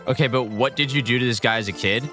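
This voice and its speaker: A man's voice: medium pitch, quick pace, sharp tone, faint music behind. A man streaming a video game, chatting casually with his viewers as he plays. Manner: chatty, answering chat as he plays. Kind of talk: casual gameplay commentary.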